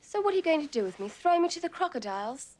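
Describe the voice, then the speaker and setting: A woman's voice: high-pitched, very animated, quick pace, darkish tone. An actress playing a prickly, sarcastic young woman in a television drama. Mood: defiant sarcasm. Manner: curt, sarcastic. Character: defiant, prickly young woman with sharp tongue.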